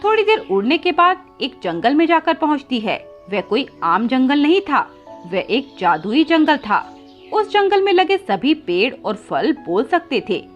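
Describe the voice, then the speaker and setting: A woman narrating a children's cartoon story in an expressive, scripted way. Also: high-pitched, measured pace, muffled recording, soft background music.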